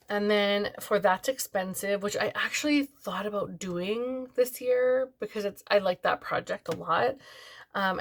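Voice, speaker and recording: A tired, yawning woman chatting casually as a beauty vlogger, rambling with lots of fillers. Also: mid-range voice. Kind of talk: casual product review chat.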